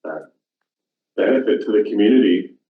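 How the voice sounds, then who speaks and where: Man, meeting chair, low and mellow, casual and halting, roomy distant dull room audio. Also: lively intonation. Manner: informal, halting, self-correcting. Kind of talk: chairing a public commission meeting.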